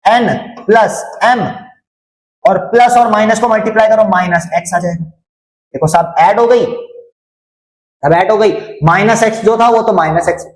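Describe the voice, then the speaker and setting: A man's voice: sits high, measured pace, pauses often. A man teaching a maths lesson online, repeating each step, quizzing his students and teasing them. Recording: roomy echo.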